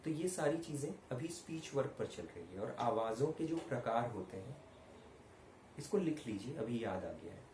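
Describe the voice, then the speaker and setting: A man's voice: medium pitch, big pitch swings, moderate pace, a little mellow. A man teaching an online acting lesson in Hindi speech work, explaining stress on vowels and projecting his voice in demonstrations. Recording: roomy recording with faint ambient noise.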